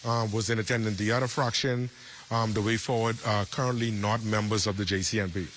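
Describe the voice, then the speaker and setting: A man giving measured, formal answers as a spokesman in a press interview. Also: lowish voice, steady tone, fairly bright tone. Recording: faint ambient noise.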